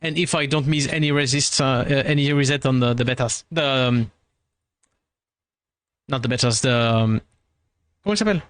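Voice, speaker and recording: A man's voice: mid-range voice, moderate pace, long pauses, a bit bright, clear, resonant tone, dry recording. A man from France, chatting casually with his viewers as a streamer, rambling and self-deprecating, tired, dropping English words into his talk.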